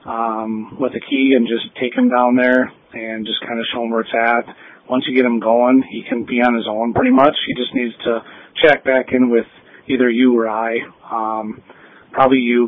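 A man making a work call over a two-way radio, halting with many "um" fillers as he asks a coworker a favor. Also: medium pitch, dry recording. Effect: two-way radio transmission. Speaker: facility staff member calling a coworker. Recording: tinny, dry two-way radio line.

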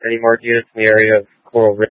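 A man's voice: on the low side, very fast, no room sound. A man as a patrol officer giving terse, clipped radio traffic, his transmission cutting in and out. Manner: clipped, flat codes and call signs. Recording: tinny, crackly two-way radio.

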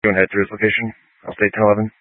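Guy cop rattling off codes super fast over a two-way radio, tinny and flat. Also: on the low side, no echo. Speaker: police officer on patrol. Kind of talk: police radio traffic. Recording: tinny narrow radio channel.

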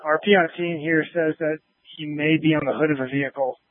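A man on a fire engine crew calls in over a two-way emergency radio in quick, clipped bursts. His slightly high voice comes through a narrow, tinny channel. The sound is dry and close, with no room around it. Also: fairly even intonation, no room sound. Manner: brisk, clipped call signs.

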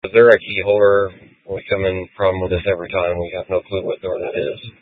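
Male officer over police radio, very deep, monotone, narrow phone-like band. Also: brisk, dry recording. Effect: police radio transmission.

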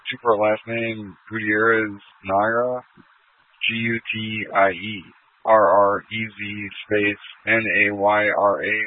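A man, a police officer, spelling out names and dates over a two-way radio. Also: lowish voice. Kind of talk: radio traffic. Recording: tinny dry radio channel.

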